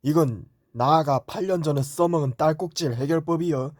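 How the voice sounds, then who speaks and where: A man voicing a blunt, rough-tongued middle-aged uncle who talks in a thick regional dialect, in a comedy skit. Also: on the high side, moderate pace, a little mellow, no room sound, clean studio sound, natural voice. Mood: boastful.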